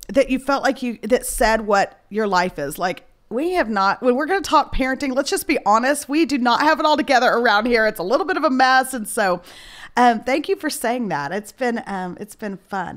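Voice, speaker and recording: A woman in her late forties hosting a podcast in a casual, chatty interview style, with a head cold in her voice. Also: fairly high pitch. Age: late 40s. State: has a cold. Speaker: podcast host.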